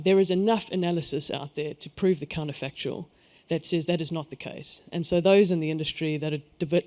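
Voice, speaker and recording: A man with a South African accent, an energy industry panelist, speaks at a conference, lifting his voice emphatically on key words before letting it trail off. His voice is a little high, smooth, and darkish in tone.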